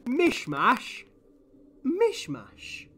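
An actor playing an eccentric, confident time-travelling hero in a sci-fi audio drama, animated and theatrical. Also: male voice, very high-pitched, breathy edge, exaggerated voice. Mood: playful, affronted. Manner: animated, theatrical, quick to bluster.

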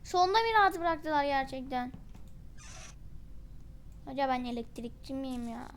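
A woman hosting her channel gives live gameplay commentary, quick to anger and clearly exasperated, throwing slangy remarks straight at her viewers and teammates. Her voice sits high, and a faint hiss or hum runs underneath.

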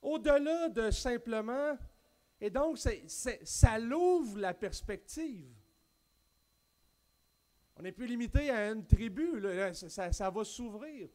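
Standing at a wooden pulpit on an indoor church stage, this thirtysomething pastor from Quebec preaches with a Québécois French accent in an extremely high voice, taking it slowly. He's animated and gestures broadly, with many restarts and asides.

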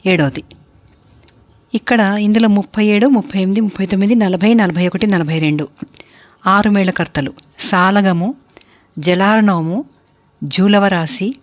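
A woman's voice: mid-range voice, highs cut off. A woman from India giving a spoken music theory lecture, explaining steadily and listing terms one by one.

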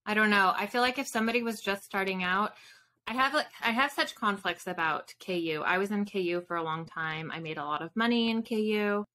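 Joining a video call from a home room with bookshelves, a woman in her thirties, a fiction author, answers casual interview questions informally and thinks aloud as she goes. She speaks a little fast in a sharp-toned, mid-range voice.

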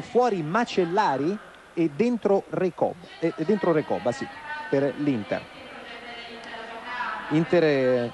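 A man doing live play-by-play football commentary, calling player names in short, halting phrases. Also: on the high side. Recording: noisy outdoor stadium broadcast.

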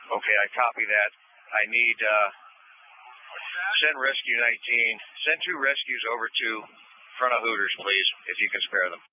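Low-pitched fire commander, urgent on radio. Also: male voice, moderate pace, a little hiss or hum. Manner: directive, clipped orders. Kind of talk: urgent firefighter radio traffic. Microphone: two-way radio. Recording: muffled narrowband emergency radio.

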